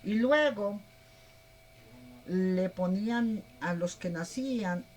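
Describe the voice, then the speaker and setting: Animated woman preacher. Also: medium pitch, slow pace. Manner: animated, rambling, plays out voices. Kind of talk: sermon.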